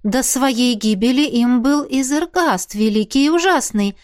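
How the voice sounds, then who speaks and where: A woman voicing an impulsive young woman necromancer who speaks in a quick-tempered, emphatic, exclaiming way. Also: sits high. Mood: insistent. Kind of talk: audiobook character reading.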